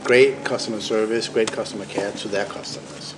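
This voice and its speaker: This Danish company founder and CEO speaks as a guest on a business podcast, his lowish voice steady in tone and fairly quick. He explains his answers evenly, frequently starting phrases over. Background noise from the room is audible.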